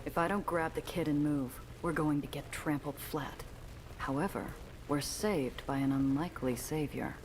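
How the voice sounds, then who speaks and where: An actor playing a cynical, world-weary noir detective who narrates his own case in a brooding, measured way for a video game. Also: fairly high pitch, slight background noise, lightly acted, rough recording. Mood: grim. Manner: hard-boiled, brooding, flatly measured.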